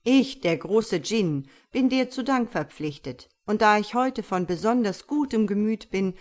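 A woman voicing a proud male djinn in tiger form, loud and solemn with a slow, commanding delivery in a storybook reading. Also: medium pitch, animated, lightly acted.

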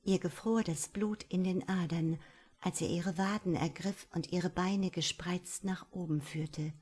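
A woman reading an audiobook in a breathy, intimate manner, at times half-whispered. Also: fairly low pitch, fairly even intonation, unhurried, a little mellow. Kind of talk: audiobook narration.

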